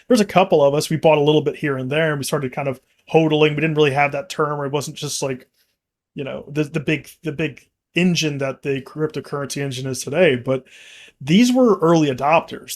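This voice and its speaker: A man, co-hosting a casual talk about markets. He rambles in long runs, restarts his sentences often and leans on fillers. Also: a little high. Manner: rambling, frequent restarts and fillers, laughs easily. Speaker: company executive co-host.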